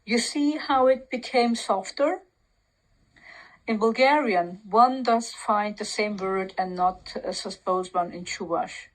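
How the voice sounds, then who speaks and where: A woman with a Turkish accent reads a passage aloud and comments on it as she goes. She speaks slowly, with many pauses, fillers and restarts. Her voice sits in a middle pitch range. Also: low-quality recording. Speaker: language commentator. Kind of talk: reading and commenting on a text.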